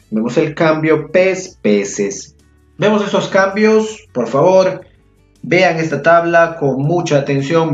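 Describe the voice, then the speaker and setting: Male teacher, unhurried lesson delivery, echoey room, soft guitar bed. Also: medium pitch. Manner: slow, drawn-out word examples, frequent praise and check-in questions. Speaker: Spanish teacher. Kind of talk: slow grammar lesson with spoken examples. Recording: roomy, dull lo-fi sound with faint guitar music.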